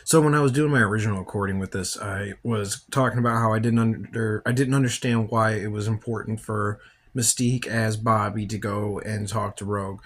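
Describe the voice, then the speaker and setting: A man with a fairly low voice hosts a podcast and talks through a movie in loose, casual commentary. He sounds tired and rambles, thinking aloud as he goes. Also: steady tone, a little fast. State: tired, yawning. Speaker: podcast host.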